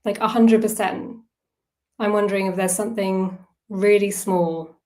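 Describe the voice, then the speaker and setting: Her voice is medium-pitched and mellow, with fairly even intonation and a measured pace. As facilitator of a relaxed online wellbeing workshop on self-soothing, she speaks conversationally, thinks aloud and poses questions to those listening.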